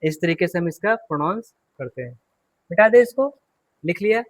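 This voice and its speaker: Male teacher, slightly high voice, dry close sound, drills each word and repeats it. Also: lively intonation, no room sound. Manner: slow, repeats words and asks students to repeat; drills words one by one, quizzing the class. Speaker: English teacher. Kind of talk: classroom pronunciation lesson.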